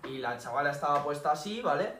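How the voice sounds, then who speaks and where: A man from tells a story to friends on a casual podcast. He is animated and full of slang. His voice is bright and a bit high, picked up from far off in an echoey room with a faint hiss. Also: quick pace. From Spain. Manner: animated anecdote-telling, laughing, full of slang.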